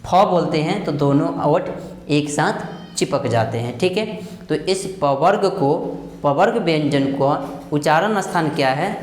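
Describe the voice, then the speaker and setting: A man teaching a grammar lesson with a Bihar Hindi accent, speaking slowly and repeating himself, asking questions and then answering them. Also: a little high, animated. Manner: slow and repetitive, asks questions and answers them, says "ठीक है" often. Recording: echoey room with long reverb.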